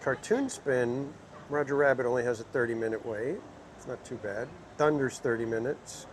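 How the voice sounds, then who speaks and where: A man chats easily with his viewers as he strolls through a busy theme park, his voice in a plain middle pitch. He rambles in a relaxed way through a handheld camera mic. Loud outdoor park noise runs under everything he says. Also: moderate pace. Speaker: livestream host. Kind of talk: casual walking livestream chat.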